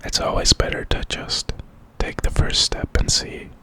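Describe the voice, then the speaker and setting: A man giving a whispered pep talk in ASMR style, speaking in a breathy, unvoiced whisper with an encouraging, reflective manner. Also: measured pace, bright, forceful tone. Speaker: ASMR creator.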